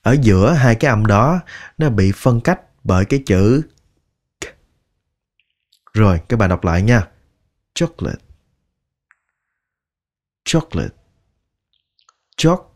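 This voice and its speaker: A man teaching English pronunciation, drilling each word slowly and repeating it many times. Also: fairly low pitch, big pitch swings, a little mellow. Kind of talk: slow, deliberate pronunciation lesson.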